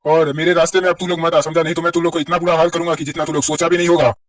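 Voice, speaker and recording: A man reading the lines of a brash, hot-headed young street fighter, threatening and insulting, in a fast, high, everyday voice. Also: flat delivery, no echo, clean studio sound, natural voice.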